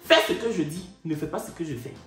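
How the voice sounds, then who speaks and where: A man tells a comic story, his pitch swinging widely as he repeats himself and fires indignant asides. The voice sits in an echoey room with faint music underneath. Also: quick pace. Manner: animated, repetitive, indignant asides. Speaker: comedian storyteller.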